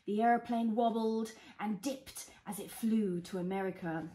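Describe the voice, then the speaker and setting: Indoors in a small living room, a woman reads a storybook aloud to a toddler, explaining things simply and asking little questions. Her voice is medium-pitched, steady, mellow and moderately paced. The recording carries a little hiss or hum and the roomy echo of a home room.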